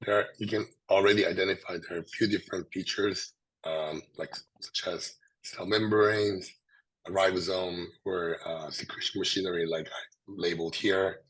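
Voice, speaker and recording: A man with a hoarse, swollen sore-throat voice, giving a halting scientific presentation. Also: low-pitched, steady tone, a bit bright, low-quality recording. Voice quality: hoarse, husky. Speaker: presenter, researcher.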